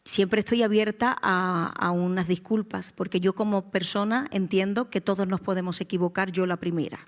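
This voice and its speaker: A woman's voice: mid-range voice, fairly even intonation, normal speed, in a large hall. A female singer being interviewed, telling stories in an emphatic, theatrical way.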